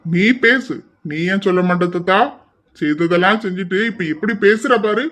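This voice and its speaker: A man's voice: high-pitched, normal speed, noisy background, lightly acted. [name], a man doing a cheeky young guy. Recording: slightly dull lo-fi audio.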